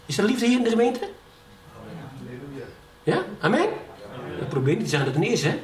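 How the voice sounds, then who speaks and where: A man's voice: high voice, big pitch swings, brisk. A middle-aged man preaching a sermon in a church, often checking in with the congregation and rising in fervour as he testifies. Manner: keeps asking the congregation "ja?". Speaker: pastor. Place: church hall. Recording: echoey hall, from far off, faint background noise.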